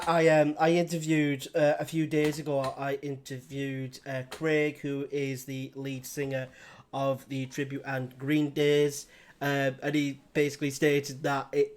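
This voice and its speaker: Interviewer, male, slightly high voice, rambling and halting. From England. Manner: rambling, laughs often, halting restarts. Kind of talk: casual interview chat.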